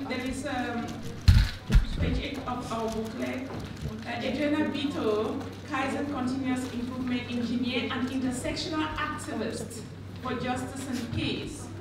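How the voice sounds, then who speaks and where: A woman's voice: sits high, noisy background. A woman hosting a summit session, introducing the next speaker and reading her biography from a booklet with a few fillers. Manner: reads a prepared biography with fillers. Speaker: event host introducing a speaker. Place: large conference room with audience. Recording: echoey hall, captured from far.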